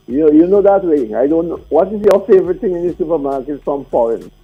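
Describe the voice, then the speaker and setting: A man's voice: fairly high pitch, expressive, fairly quick, husky. A man with a Vincentian accent calling in to radio, chatting casually in a rambling, teasing way full of questions. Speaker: radio phone-in caller. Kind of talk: casual opinionated chat. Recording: muffled radio phone-in with music.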